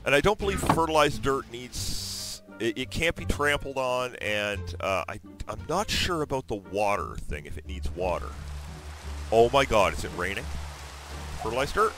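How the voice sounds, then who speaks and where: A man giving excitable let's-play commentary, thinking aloud and talking to his viewers. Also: medium pitch, normal speed, over music, low-quality recording. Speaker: gaming YouTuber.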